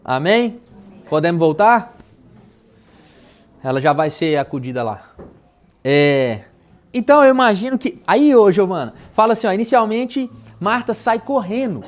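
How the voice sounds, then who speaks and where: Brazilian male pastor, live sermon in church, chatty and animated storyteller. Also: high voice, a little slow, pauses often. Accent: Brazilian Portuguese. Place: church before a congregation.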